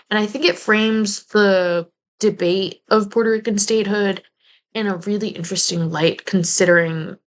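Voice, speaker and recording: A young woman from New Jersey giving a casual video essay commentary, chatty and prone to playful asides. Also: mid-range voice. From New Jersey, United States.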